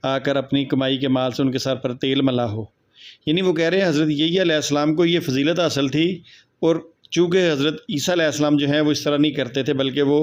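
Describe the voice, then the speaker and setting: A man hosting his channel, introducing a video in an earnest, explanatory way. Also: medium pitch. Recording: dull, lo-fi recording.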